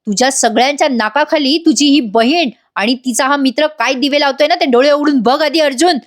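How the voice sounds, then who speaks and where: A spiteful young husband who hurls accusations with a sneer, read out by a woman. The voice sits high, and it stays scornful throughout. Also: brisk, close to an everyday voice. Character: angry scheming young husband, man.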